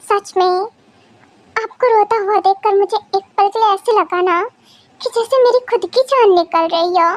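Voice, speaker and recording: A woman's voice: very high-pitched, a little slow, no room sound. A woman voicing a playful, caring young wife in a fan audio drama. She speaks sweetly and comfortingly. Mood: heartfelt.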